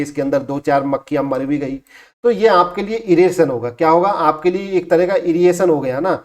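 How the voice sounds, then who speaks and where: A male teacher giving an exam-prep lesson who asks questions and answers them himself, slowing down to spell out English phrases. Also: on the high side, a little mellow. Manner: asks the class and answers himself, repeats key terms.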